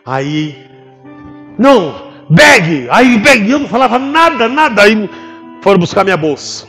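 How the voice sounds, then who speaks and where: A man with a Brazilian Portuguese accent, a pastor giving an animated testimony in church and acting out the voices in his story. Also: high-pitched, normal speed. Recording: long hall reverb with faint music behind.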